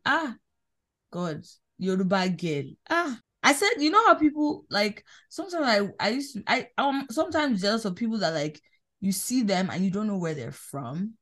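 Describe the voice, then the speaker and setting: On a podcast she co-hosts, a young woman from Nigeria talks in a lively, relaxed way. Her voice makes big, rapid jumps in pitch and loudness.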